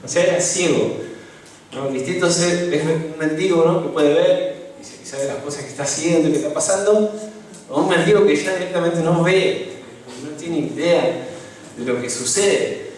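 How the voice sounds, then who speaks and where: A man's voice: on the high side, normal speed, a little mellow, slight background noise. Rioplatense man preaching in an echoey church. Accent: Rioplatense Spanish. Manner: conversational, asks the congregation questions, many tag questions. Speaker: lay preacher. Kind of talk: informal sermon. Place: church hall. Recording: echoey church recording from a distance.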